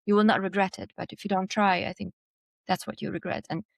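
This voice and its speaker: A woman's voice: mid-range voice, fairly even intonation, quick pace, creaky, dry recording. A woman from Jordan, a design executive, telling her life story in an interview, reflective and hesitant, with many fillers and restarts.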